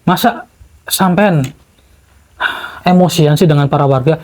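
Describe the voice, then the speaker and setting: A man speaks in a steady, reasoning tone. He calls out Islamic invocations often, and his voice sits somewhat high for a man. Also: unhurried. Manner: calm mediator, frequent Islamic invocations. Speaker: host, paranormal team leader.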